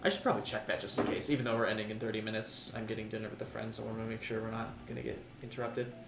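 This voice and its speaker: A man's voice: fairly low pitch, little pitch movement, racing, creaky. Male streamer, casual chat, roomy sound, game music behind, swears and laughs a lot. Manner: chatty, swears, laughs easily.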